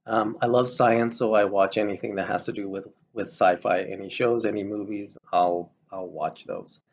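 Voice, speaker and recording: A middle-aged man from El Salvador, giving a measured, hesitant self-introduction for a class, with frequent ums. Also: lowish voice, fairly even intonation, dull audio. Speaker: college student.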